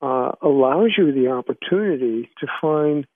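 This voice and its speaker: A man giving reflective interview answers in halting, measured phrases over a narrow phone line. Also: mid-range voice, animated, no room sound. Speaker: interview guest, author. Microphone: phone call.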